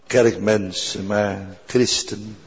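Older husky preacher in reverberant church. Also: male voice, lowish voice, steady tone, very slow. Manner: earnest, repeats key phrases. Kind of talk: sermon. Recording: dull recording with long church reverb.

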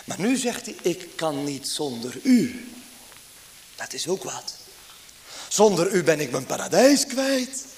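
Slow, high-voiced pleading preacher. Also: male voice, sing-song. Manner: fervent, pleading, rhetorical questions. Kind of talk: sermon.

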